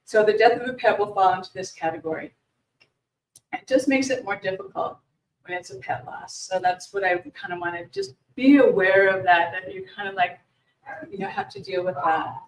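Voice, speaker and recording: A woman's voice: medium pitch, lively intonation, normal speed, slight background noise. Woman presenter in an echoey room. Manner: conversational, often restarts and repeats words. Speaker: grief educator leading a workshop. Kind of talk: informal workshop presentation. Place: meeting room with a live audience. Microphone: distant room mic. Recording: echoey room, voice far from the mic.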